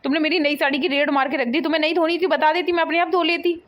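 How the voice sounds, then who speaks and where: Cartoon: nagging elderly mother-in-law, played by a woman, high-pitched and scolding. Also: little pitch movement, very fast, dull audio, lightly acted. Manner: scolding, complaining.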